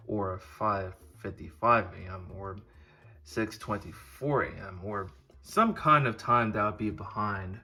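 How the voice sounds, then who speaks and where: A man hosting a hobby video gives a casual show-and-tell, his husky, lowish voice carrying a sharp tone. He talks in a halting, rambling way.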